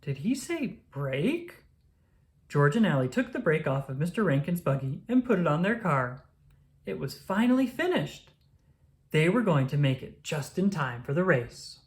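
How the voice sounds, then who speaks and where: This is a children's read-aloud narration by a woman whose voice sits fairly low. Lively swoops of pitch and deliberate, expressive phrasing shape her storytelling for young listeners.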